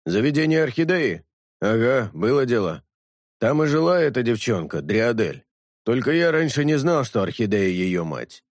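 A man reading an audiobook, voicing a blunt, wary streetwise man who grumbles and swings his pitch up and down. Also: sing-song, normal speed, dry recording, studio quality.

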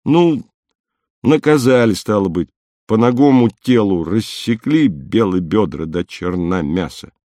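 A man voicing a calm, dutiful young rover driver who speaks matter-of-factly, in a storybook reading. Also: fairly low pitch, unhurried, no room sound, studio quality. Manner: matter-of-fact, slightly apologetic.

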